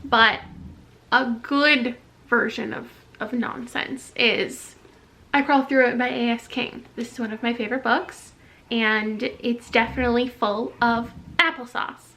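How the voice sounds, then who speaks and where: A woman book vlogger chatting casually about words and books, wry and quick to laugh at herself. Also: fairly high pitch, fairly even intonation, bright, forceful tone, slight background noise. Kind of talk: casual vlog chat.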